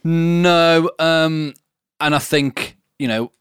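A man hosting a podcast interview in a relaxed, jokey way, swearing casually. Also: fairly high pitch, extremely slow, smooth, dry recording, studio quality. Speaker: podcast host.

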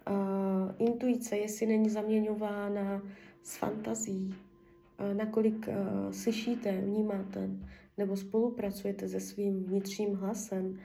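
A woman's voice: medium pitch, level tone, vocal fry, dark tone, distant mic. A woman leading a spiritual healing session, addressing her client and murmuring repetitive incantations and half-whispered prayers. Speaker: spiritual healer.

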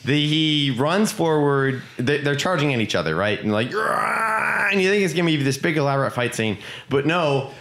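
A man's voice: medium pitch, fairly quick, hardly any pauses, echoey room. A man co-hosting a podcast, recapping a film in a loose, joking way and acting out the characters in silly voices. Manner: animated, laughing, acts out characters in silly voices. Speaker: podcast co-host. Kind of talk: casual movie recap.

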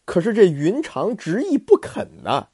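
A man's voice: high voice, huge pitch swings, a little slow, mellow, husky, no room sound, clean studio sound, pitched above the performer's own voice, heavily acted. Man doing an apologetic envoy.

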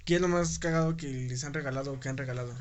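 A man's voice: mid-range voice, rapid-fire, a loud crowd. A man with a Mexican accent chatting casually and slangily, prompting his friends with questions. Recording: some background noise, clicks.

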